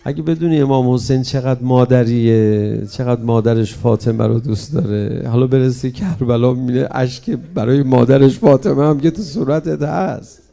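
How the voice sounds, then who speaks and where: A male preacher delivers an emphatic sermon, speaking straight to his congregation. His voice sits at a middle pitch with a gravelly fry running through it. He shifts into a mournful recitation style. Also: warm tone. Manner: emphatic, addresses the congregation directly.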